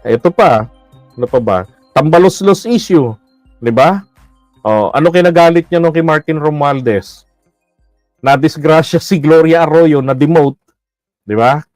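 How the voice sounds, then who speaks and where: A man's voice: on the high side, unhurried, long pauses, a little mellow, no echo, soft background music. A man giving blunt, mocking political commentary in a casual livestream, laughing often and using many fillers.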